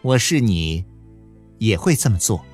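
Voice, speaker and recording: A man reading a novel aloud and voicing a quiet, resigned wife who answers calmly and briefly. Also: on the low side, unhurried, soft background music.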